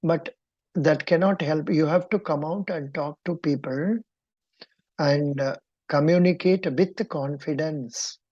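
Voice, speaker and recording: A woman interview coach with a Kannada-influenced Indian English accent speaks slowly in a low, mellow voice. Encouraging but probing, she gives instructions as she goes. The audio is dull and lo-fi, with no echo.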